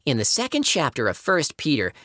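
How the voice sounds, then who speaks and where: A man voicing a friendly male tomato who hosts the show and gently teaches lessons, in a cartoon audio play. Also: fairly high pitch, wildly swooping pitch, fairly quick, dry recording, studio quality, full character voice. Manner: warm, gently teaching, scripture-quoting. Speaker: host.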